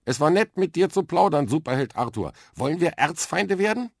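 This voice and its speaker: A man's voice: mid-range voice, big pitch swings, a little mellow, husky, no room sound, clean studio sound, pitched above the performer's own voice. A man voicing a cheeky, impatient little girl. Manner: quick, cheeky, self-assured. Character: bold, impatient, chatty young girl. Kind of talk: children's radio story reading.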